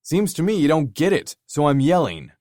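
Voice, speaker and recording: A man voicing a loud, blunt grown man who demands answers and swears freely in an audiobook. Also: fairly low pitch, big pitch swings, moderate pace, no room sound, clean studio sound.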